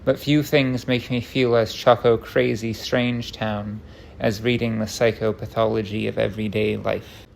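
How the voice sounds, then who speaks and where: A man's voice: on the low side, little pitch movement, unhurried, gravelly, a little hiss or hum, rough recording. A man rambling through an unscripted, tangent-prone rant, stopping and restarting himself, with wry self-deprecating humor.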